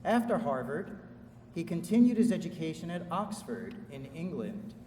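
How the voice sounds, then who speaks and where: A man delivering a formal commencement speech as a ceremony speaker, in a measured, solemn way with deliberate phrasing. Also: fairly high pitch, very animated, dark tone. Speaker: ceremony speaker introducing an orator. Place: large indoor hall at a school commencement. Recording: echoey hall, distant mic, faint noise.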